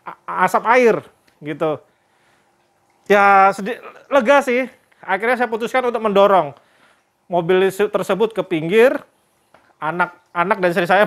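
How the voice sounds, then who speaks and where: A man's voice: high voice, fairly bright tone. A man vlogger telling a story in a casual, chatty way and addressing his viewers directly. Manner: religious greetings and expressions.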